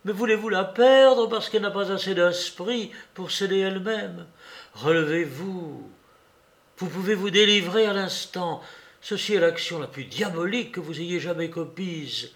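A man reading a frightened housekeeper who scolds and urges with rising alarm in every line. The voice sits a little high and moves slowly. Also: fairly bright tone. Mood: anxious scolding. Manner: anxious, scolding. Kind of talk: audiobook reading.

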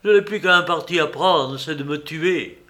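A man's voice: on the high side, unhurried, sharp tone. A man voicing a desperate, tormented young male lover in an audiobook, with impassioned, pleading delivery. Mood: resolute.

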